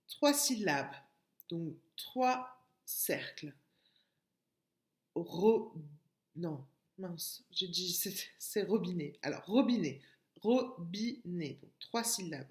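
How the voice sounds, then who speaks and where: A kindergarten teacher with a French accent and a lowish voice gives young children a recorded remote lesson in a roomy-sounding space. She patiently repeats words and breaks each into syllables.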